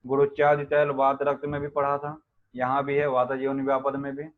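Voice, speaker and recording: A man's voice: mid-range voice, monotone, brisk. Lecturing man over a tinny line. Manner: chants Sanskrit verses, quizzes students with rhetorical questions. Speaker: Ayurveda lecturer. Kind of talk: classroom lecture. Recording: narrow phone-like sound.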